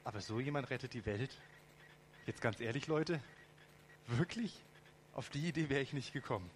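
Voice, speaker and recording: A man preaching a lively sermon, asking the congregation direct questions and adding ironic asides. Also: mid-range voice, normal speed, slight background noise.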